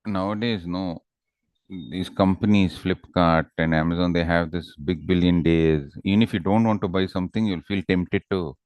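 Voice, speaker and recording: A man's voice: deep voice, steady tone, moderate pace, darkish tone, no echo. A man with a South Indian accent teaching an online class conversationally, with examples and frequent questioning tags, on a headset microphone. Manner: informal, often ends phrases with questioning tags.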